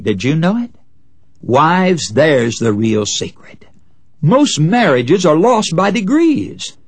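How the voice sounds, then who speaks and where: A man's voice: mid-range voice, husky, no echo. A man preaching a sermon, telling illustrative stories and addressing listeners as friends in an earnest, folksy way.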